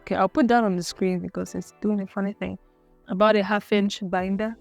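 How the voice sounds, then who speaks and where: A woman's voice: mid-range voice, fairly even intonation, brisk, gravelly, muffled recording, soft background music. A young woman from Cameroon telling her own college story in a casual, earnest, reflective way, often musing and correcting herself. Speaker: vlogger.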